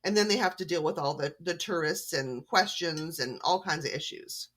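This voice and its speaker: A woman's voice: sits low, normal speed, a bit bright. Woman author guest, from canada, friendly, talkative, casual interview.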